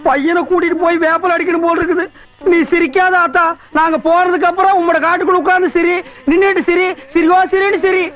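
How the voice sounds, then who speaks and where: A sarcastic kongu village loudmouth, squeaky high voice, rattles off jabs, dull old film sound. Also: male voice, little pitch movement. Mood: mocking. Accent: Kongu Tamil. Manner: sarcastic, quick mocking retorts. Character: sharp-tongued village man, mocking and bossy. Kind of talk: film comedy dialogue.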